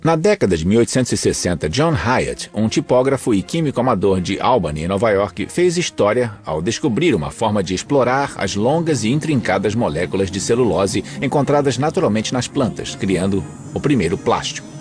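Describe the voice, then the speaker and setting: A Brazilian man narrates a dubbed documentary in a low-pitched voice. His scripted delivery moves through a wide range of intonation, with music clearly playing underneath. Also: very animated, brisk, hardly any pauses.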